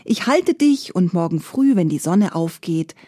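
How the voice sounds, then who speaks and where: A woman voicing the Darkness as a gentle female spirit, soft and half-whispered, soothing and tender. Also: mid-range voice, expressive, normal speed, slightly rough, no room sound, clean studio sound.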